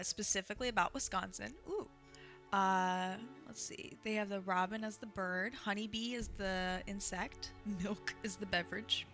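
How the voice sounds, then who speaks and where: A woman streaming a video game, chatting in a sing-songy way and talking to her viewers as she plays. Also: medium pitch. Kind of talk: casual gameplay commentary. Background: game music.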